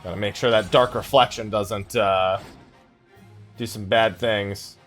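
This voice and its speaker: A male video game streamer, his voice fairly low and fairly bright, keeps a steady tone and measured pace while doing casual let's play commentary. He talks half to himself as he plays, with game music in the background.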